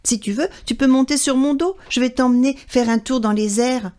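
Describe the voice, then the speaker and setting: A woman voicing a kind, gentle female magpie in a children's storybook reading. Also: sits high, moderate pace, close to an everyday voice.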